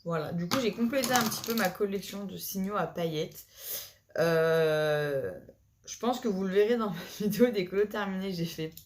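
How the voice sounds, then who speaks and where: A woman's voice: medium pitch, normal speed, slight background noise. A woman vlogger chatting casually about her new coloring supplies, hesitant and full of fillers and restarts. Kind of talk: casual chat to camera.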